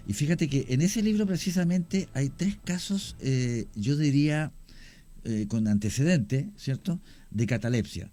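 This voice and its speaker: A man with a Chilean accent, unhurried and warm with lively intonation and medium pitch, shares cemetery history as a radio guest. His long storytelling in the studio is marked by frequent pauses and hesitations.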